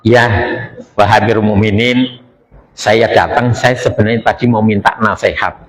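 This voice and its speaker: A man's voice: on the low side, steady tone, moderate pace, pitched below the performer's own voice, natural voice. A man preaching who voices a weary, humble husband asking for advice, in a plaintive tone.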